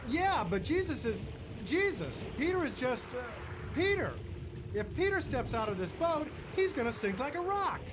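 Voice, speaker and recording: A man's voice: very high-pitched, very animated, moderate pace, background noise. A man voicing a sarcastic, complaining puppet disciple, a sceptic in a church puppet show. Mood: sceptical. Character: grumbling, sceptical puppet disciple rowing a boat.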